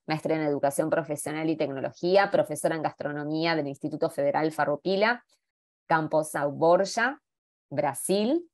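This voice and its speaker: A woman with a Rioplatense accent informally moderates an online academic panel. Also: low-pitched. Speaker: session moderator. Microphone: video call.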